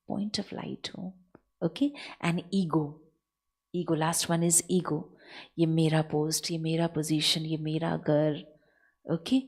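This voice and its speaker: A woman meditation teacher speaks slowly and deliberately to a live audience. She tells stories animatedly, repeats her key words, and checks in with the listeners often. Her pitch sits in a middle range. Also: a little mellow. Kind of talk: spiritual lesson with storytelling.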